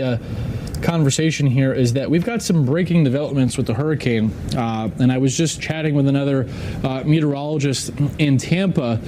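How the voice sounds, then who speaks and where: A man's voice: on the high side, dark tone, slight background noise. A man working as a TV meteorologist, talking through live storm coverage unscripted, thinking aloud and repeating points for emphasis.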